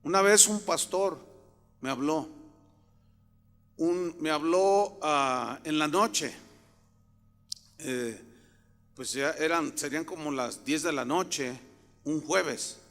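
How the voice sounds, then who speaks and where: A man from Mexico preaching a sermon, telling a story and often rising to loud, emphatic outbursts. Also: a little high, takes it slowly, pauses often, faint music behind. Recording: long hall reverb.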